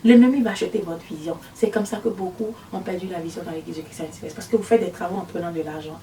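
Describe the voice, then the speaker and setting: A woman preaching a testimony sermon as a visionary, telling her story in an emphatic, animated way. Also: lowish voice, fast talker, a little hiss or hum. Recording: roomy, mic far away.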